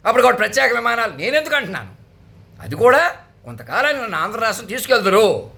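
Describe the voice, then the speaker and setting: A man with a high voice preaches in a commanding, proclamatory way. He hammers home his points through repetition. His voice is bright and sharp. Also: very animated, fast talker, vocal fry. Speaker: self-styled spiritual leader. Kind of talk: proclamatory sermon.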